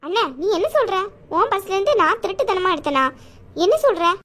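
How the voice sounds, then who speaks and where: A woman's voice: very high voice, fairly quick, a bit bright. A woman voicing a defensive younger sister in a cartoon, protesting and pleading. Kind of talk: animated cartoon voice acting.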